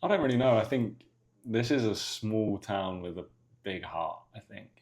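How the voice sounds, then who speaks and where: Gravelly young London-area man. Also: lowish voice, expressive, normal speed, a little mellow. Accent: English, London area. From England, near London. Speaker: soccer player, podcast guest. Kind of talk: casual interview chat.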